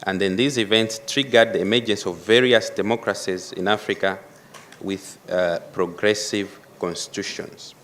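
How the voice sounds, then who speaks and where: A man delivers a formal conference address in a somewhat low voice. He speaks in a measured way, pausing to stress key phrases with deliberate emphasis. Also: steady tone, a bit bright, slight background noise. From Malawi. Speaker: panel speaker.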